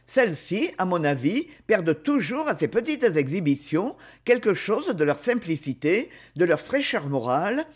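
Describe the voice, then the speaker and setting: A man reading aloud and voicing a proud young duke who speaks with calm, dry irony, in a lively, varied voice. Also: high voice, normal speed, few pauses. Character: proud ironic young duke, aloof and grave.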